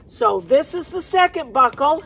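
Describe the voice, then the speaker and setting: Expressive, unhurried and a bit creaky, this high-pitched woman speaks over background noise. She hosts a show and works as a wilderness guide, and here she casually shows gear in the snow while telling a folksy, plainspoken story, recorded on a camera mic held by hand at times.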